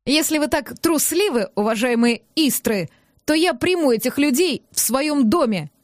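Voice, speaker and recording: A bossy, big-hearted woman who runs a coffee house scolds in a high, sharp voice, put on by a woman reading aloud. Her lines come fast and forceful. The sound is dry and close. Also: animated, no echo. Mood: indignant. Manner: indignant, scolding. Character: kindly bold middle-aged woman, coffee-house owner.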